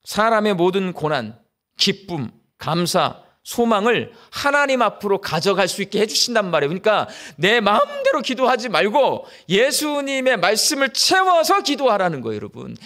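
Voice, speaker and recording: During a live church service, a middle-aged pastor speaks to his congregation in a high, bright voice with wide swings in pitch. His sermon is aimed right at them and packed with rhetorical questions.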